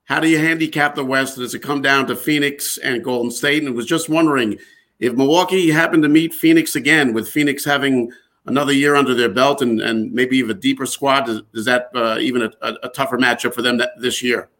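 Bright co-host, halting questions. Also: male voice, medium pitch, steady tone. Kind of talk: casual radio interview.

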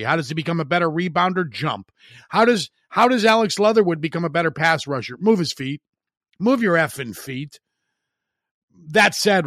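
A man's voice: fairly high pitch, a bit bright, no room sound, studio quality. A middle-aged man giving blunt, opinionated sports commentary, stressing points by repeating words.

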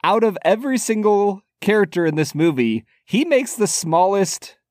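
A man's voice: sits high, sing-song, a little mellow, dry recording, studio quality. A man co-hosting a podcast, teasing his partner in casual chat about a film. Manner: teasing, quick, chuckling. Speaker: podcast co-host.

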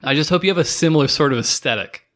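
A man's voice: a little high, racing, a bit bright. A man in his thirties hosting a show, casually chatting and recapping clips. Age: 30s. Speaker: podcast host.

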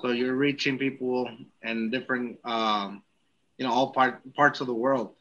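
Bright-voiced joking man host. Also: mid-range voice, fairly even intonation, moderate pace, highs cut off. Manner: joking, laughs often. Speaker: podcast host reading listener questions. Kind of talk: casual chat.

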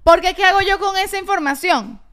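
A woman's voice: very high voice, fairly quick, a bit bright. A young woman co-hosting a podcast, chatting expressively and laughing easily. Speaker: podcast co-host. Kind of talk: casual chat.

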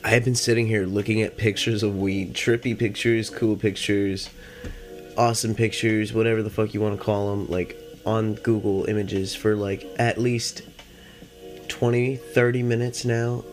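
Low-voiced stoned man, slangy podcast rambler. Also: flat delivery, normal speed, faint music behind. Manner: laid-back stoner drawl with slangy, rambling delivery; heavy casual swearing. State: high on cannabis. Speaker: podcast host. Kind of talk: casual solo podcast chat.

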